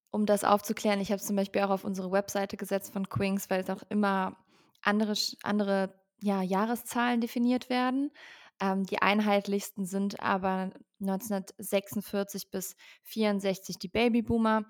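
A company founder in her twenties appears as a guest on a podcast interview, explaining things fluently though often saying "ähm." Her mid-range voice stays fairly level in pitch at a normal speed.

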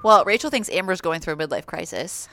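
Lively-voiced playful woman co-host. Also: lowish voice, quick pace, a little hiss or hum. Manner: playful, teasing. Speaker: podcast co-host. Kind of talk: casual chat.

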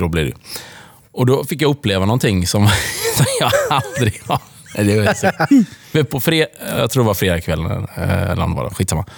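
A man with a Swedish accent co-hosting a podcast, telling a family story in a casual, animated way and acting out a child's screams. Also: deep voice, vocal fry, no room sound. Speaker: podcast co-host, father. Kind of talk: casual comedic chat.

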